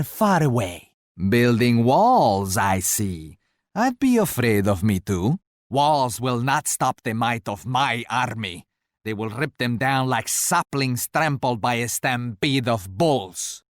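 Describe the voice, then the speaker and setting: A male actor playing an arrogant, mocking Portuguese royal conqueror in a video game, speaking in a haughty, theatrical, deliberate way. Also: mid-range voice, no echo, clean studio sound. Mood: sly taunting. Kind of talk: scripted video game taunts.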